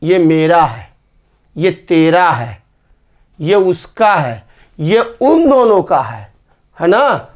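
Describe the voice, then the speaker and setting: A man's voice: fairly high pitch, big pitch swings, extremely slow, pauses often. A man teaching a grammar lesson, spelling words out letter by letter. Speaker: English teacher.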